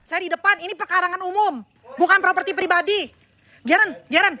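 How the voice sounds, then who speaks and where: A woman's voice: very high voice, fairly quick, bright, forceful tone. A woman vlogger outdoors in front of a house, filming herself on a phone as she angrily confronts a man and talks to her viewers. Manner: agitated, accusing, addressing viewers. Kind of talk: heated live confrontation.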